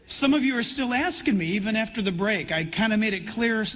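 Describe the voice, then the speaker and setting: A middle-aged or older American pastor from California addresses a church conference in a large church hall, preaching in an earnest, conversational style with deliberate pauses. His voice is high-pitched, expressive and a bit bright. The sound is reverberant, carried over a live PA.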